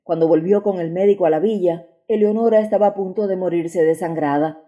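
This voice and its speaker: A woman narrating a literary short story in a measured, even storytelling manner. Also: on the low side, dull audio. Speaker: audiobook narrator.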